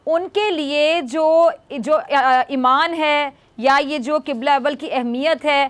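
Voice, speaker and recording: A woman's voice: sits high, fairly even intonation, slow pace, a bit bright. A woman from Pakistan hosting a current-affairs TV talk show, assertive, cutting in and steering her guests.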